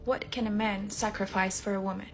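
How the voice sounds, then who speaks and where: A woman's voice: mid-range voice, steady tone, a little fast, a little hiss or hum. Brief: woman, earnest and emphatic, lists points. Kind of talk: earnest speech to camera.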